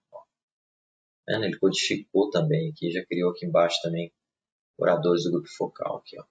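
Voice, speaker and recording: A man, casually walking viewers through software in a live webinar, speaking softly and often checking in with his audience. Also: low-pitched. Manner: casual, talks through clicks, many tag questions. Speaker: software trainer. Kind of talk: live webinar screen-share demo.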